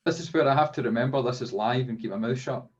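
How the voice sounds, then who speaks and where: Man, rapid teasing quipster, dull lo-fi call line. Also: medium pitch. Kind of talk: casual live video chat.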